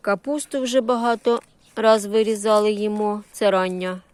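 Strolling through her vegetable garden and greenhouse, a woman gives an unscripted, casual tour in short, homely phrases packed with diminutives. She speaks Ukrainian with a surzhyk accent that mixes in Russian-influenced words. Her mid-range voice is smooth and a little mellow, with fairly even intonation and a moderate pace, and the recording is dry.

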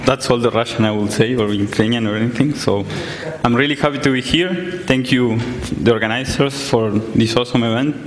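A young Argentine man gives a conference talk in a large, echoey hall, speaking fairly quickly in a mid-range voice. He explains things plainly with lots of fillers, standing some distance from the mic amid crowd noise.

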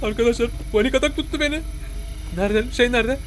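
A man voicing an excitable, jokey male cartoon cat who comments on a game and talks to his viewers. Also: on the high side, a little fast, a little hiss or hum. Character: chatty male cartoon cat gamer, jumpy. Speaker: gameplay commentator. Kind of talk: let's-play commentary.

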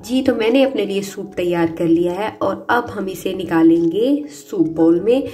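A woman's voice: mid-range voice, normal speed, soft background music. A woman hosting a cooking channel, narrating a recipe step by step. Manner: steady instructional narration. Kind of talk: recipe voice-over.

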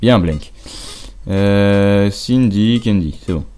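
A young man giving casual, halting let's play commentary, muttering to himself as he plays. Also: on the low side, mellow. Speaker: gamer commenting on own play.

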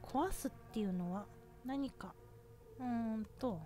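A woman's voice: a little high, slow pace, music in the background. A woman from Japan streaming a horror game, thinking aloud to herself, nervous and easily startled. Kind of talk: casual horror game let's play commentary.

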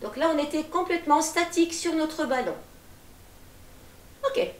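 A middle-aged woman leading a gentle seated exercise class from her attic room at home, with calm, encouraging and folksy cues. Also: high-pitched, moderate pace. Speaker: gentle gym instructor. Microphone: far camera. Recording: echoey room from far off.

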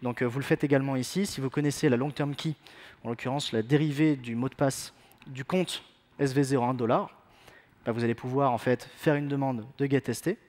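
A man's voice: mid-range voice, fairly even intonation, a little fast, a little mellow. A man giving a technical conference talk in a self-mocking, joking way, with many fillers. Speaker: conference speaker.

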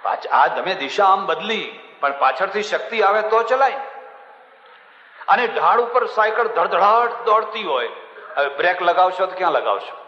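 A man giving a sermon who tells his stories lively and acts out the people in them, with chuckling asides. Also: sits high, normal speed, a little hiss or hum. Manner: storytelling, acts out characters in the story, chuckling asides. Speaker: swami giving a religious discourse. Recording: echoey hall, muffled sound.

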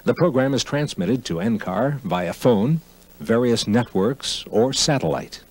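A man reading scripted documentary narration for a 1992 computer facility tour video, in an even, informative delivery. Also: medium pitch, measured pace. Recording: 1992 archival video voice-over.

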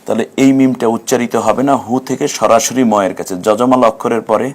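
A male teacher gives a patient, step-by-step online lesson on Quran recitation. He explains each rule plainly, then chants the verse examples slowly and drawn out. His voice sits at an ordinary middle pitch for a man. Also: steady tone.

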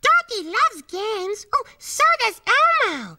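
A man's voice: extremely high pitch, big pitch swings, takes it slowly, very noisy, full character voice. A man voicing a cheerful, giggly little red monster child who talks about himself in the third person, in a children's puppet show. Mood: excited. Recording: children's music playing underneath.

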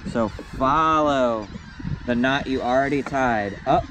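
Outdoors on a wooden boat deck by the water, a young sailing instructor demonstrates tying knots hands-on. He is patient and plain-spoken, going step by step in a mid-range voice and taking it slowly. Background noise can be heard.

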